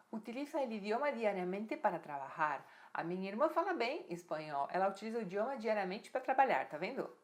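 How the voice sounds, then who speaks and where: A woman at an ordinary pitch gives a Spanish grammar lesson, speaking Portuguese as her first language. She talks in a patient, conversational way, pauses to check that her viewers are following, and reads each example slowly and clearly. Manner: checks in often with "tá?" and "né?", slows down on example sentences. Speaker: Spanish teacher. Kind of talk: explaining grammar to the camera.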